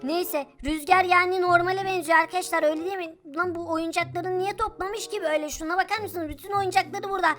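A woman's voice: very high voice, steady tone, fast, few pauses, a bit bright, soft background music. A woman playing the lead in a Minecraft role-play who talks anxiously and turns to the viewers often. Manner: anxious and exclamatory, addresses viewers. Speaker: game video creator playing the lead.

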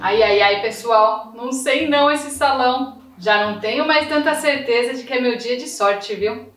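High lively brazilian woman doing a kids skit, chatting to viewers, echoey room. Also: moderate pace. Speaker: host of a children's channel, playing the customer. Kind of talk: children's pretend-play skit, talking to viewers. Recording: echoey room, faint music behind.

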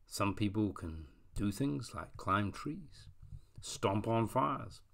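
Slow, expressive New Zealand storyteller. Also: male voice, on the low side, gravelly. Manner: expressive storytelling, drawn-out phrasing. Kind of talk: reading a children's story aloud.

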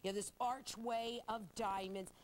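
A woman's voice: on the high side, fairly even intonation, measured pace, slight background noise. An American woman co-hosting live home shopping, chatty and gushing, repeating words for emphasis. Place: TV studio set. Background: music.

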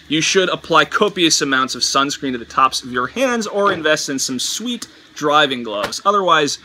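With a fairly high, sharp-toned voice, this man in his thirties records a laid-back travel vlog outdoors on a tropical bungalow's porch. He's a marine biologist, speaking into a camera at arm's length with a dry, wry wit.

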